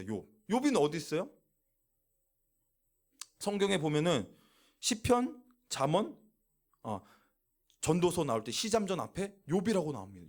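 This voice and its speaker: A man preaching a sermon at a church youth service, asking the young listeners questions and answering them himself. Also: fairly high pitch. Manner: animated, asks the audience questions and answers them. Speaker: youth pastor. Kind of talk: sermon to teenagers. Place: church youth service, also streamed online.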